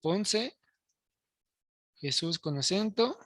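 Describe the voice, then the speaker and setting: Bright-voiced teacher coding live. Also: male voice, sits high, lively intonation, extremely slow, no room sound, clean studio sound. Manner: explains step by step, checks in with students often. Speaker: programming teacher. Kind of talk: live coding lesson to students.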